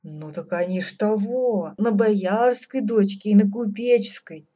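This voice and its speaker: A woman voicing a gruff, grumbling old tsar who blusters at his stubborn son. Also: medium pitch, a little slow, warm tone, voice pushed up, natural voice.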